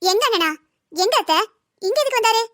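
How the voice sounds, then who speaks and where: A performer voicing a gentle young married woman in a cartoon drama who tries to keep peace. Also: very high-pitched, animated, brisk, no room sound, studio quality, full character voice. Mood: placating. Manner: soothing, placating.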